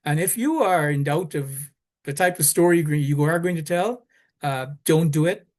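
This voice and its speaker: A man giving practical advice on a webinar panel, pausing often with "uh" and restarting his sentences. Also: on the high side. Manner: hesitant, with many "uh" restarts, friendly advice. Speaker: advisor on a panel. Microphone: video call.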